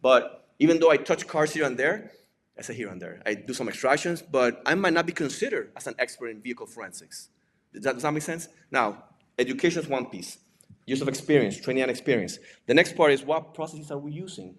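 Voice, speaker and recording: This digital forensics examiner and instructor is presenting an informal lecture in a medium-pitched, expressive voice that runs a little fast and a bit bright. He's from Puerto Rico, speaks Spanish natively, and has a Puerto Rican accent. Chatty in manner, he checks in often with rhetorical questions and punctuates his points with "right?".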